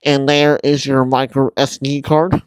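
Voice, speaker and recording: A man hosting a casual tutorial vlog, talking informally and haltingly through a mask that muffles his mouth, often apologetic. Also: medium pitch, little pitch movement, clear, resonant tone, no echo. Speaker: video host.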